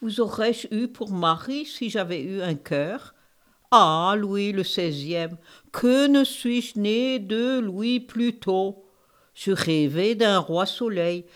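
Marie-Antoinette, a performer doing a haughty, sharp-tongued queen. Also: medium pitch, lightly acted. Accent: put-on Eastern French accent. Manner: haughty, cutting, sardonic.

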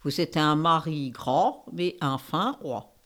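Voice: mid-range voice, takes it slowly, fairly bright tone. A performer playing a haughty, sardonic queen with a put-on Eastern French accent in a comic sketch. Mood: cutting. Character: haughty, sharp-tongued queen, adult woman.

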